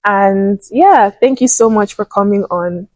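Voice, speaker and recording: A woman's voice: mid-range voice, unhurried, a little mellow, no room sound, low-quality recording. A young woman hosting an interview podcast, upbeat and encouraging, with frequent affirmations. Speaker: podcast host. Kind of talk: casual interview chat.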